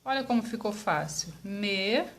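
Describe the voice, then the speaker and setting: Patient Brazilian teacher, drawn-out syllables. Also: female voice, sits high, sing-song, a bit bright. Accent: Brazilian Portuguese. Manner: draws out each syllable, patient and encouraging. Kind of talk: slow explanatory lesson for young children.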